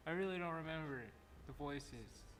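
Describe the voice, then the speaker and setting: Casual male streamer, self-deprecating, slightly high voice. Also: normal speed, fairly bright tone, a little hiss or hum. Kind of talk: casual gameplay commentary.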